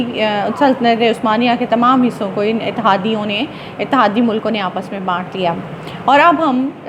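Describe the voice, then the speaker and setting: High-voiced woman teacher. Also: a little hiss or hum. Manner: explains English words slowly, with many fillers and restarts. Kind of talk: classroom lecture explaining a text.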